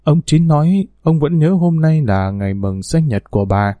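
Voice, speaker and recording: A timid, deferential servant woman in a spoken story, as a man acts her out. She pleads politely and anxiously. The voice is mellow and recorded dry. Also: a little high, normal speed, no echo, lightly acted. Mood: pleading. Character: timid, pleading middle-aged female servant.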